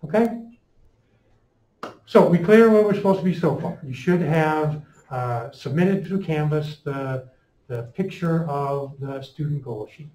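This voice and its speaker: Mellow, masked man in echoey classroom. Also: fairly high pitch, lively intonation, slow pace. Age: middle-aged. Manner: speaking through a face mask, slightly muffled. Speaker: high school calculus teacher. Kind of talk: informal classroom lecture. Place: indoor classroom in front of a chalkboard. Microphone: fixed microphone a few steps away. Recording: roomy classroom echo, distant microphone.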